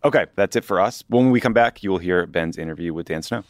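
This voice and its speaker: A man's voice: sits low, fast talker. A man hosting a podcast, talking casually and introducing segments and plugs. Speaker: podcast host.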